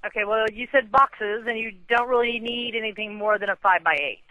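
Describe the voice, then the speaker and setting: An American woman, a customer service agent at a storage rental company, handles a phone call in a businesslike, matter-of-fact way. Her voice is a little high and brisk, and it comes over a telephone line with no room sound.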